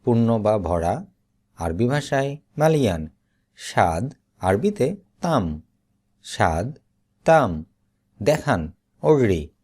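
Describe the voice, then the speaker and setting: A man teaching Arabic vocabulary, saying each word slowly and then repeating it. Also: breathy edge. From Bangladesh. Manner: slow, deliberate repetition with lively pitch. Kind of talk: slow vocabulary drill, each word said twice.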